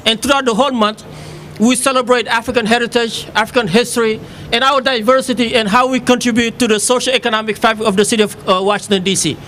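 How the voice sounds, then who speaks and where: A man from Senegal, giving formal remarks as a city office director, halting with many fillers. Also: very high-pitched, steady tone, fairly bright tone, a little hiss or hum.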